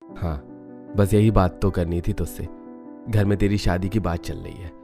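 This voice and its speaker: Guy doing a stern big brother in a cartoon story, low calm firm voice. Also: moderate pace, music in the background. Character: older brother, stern keeper of family custom.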